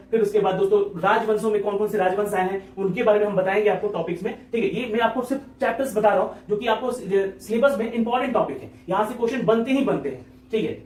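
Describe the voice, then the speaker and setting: A man teaching an exam-prep lecture, talking quickly and repetitively, often checking in with his listeners. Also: high-pitched, a little mellow, echoey room, far from the mic.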